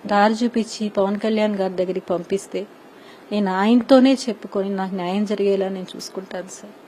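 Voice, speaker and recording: A woman's voice: mid-range voice, steady tone, fairly quick, dark tone, a little hiss or hum, low-quality recording. A woman in her thirties giving a distressed, pleading news interview, repeatedly addressing the interviewer respectfully.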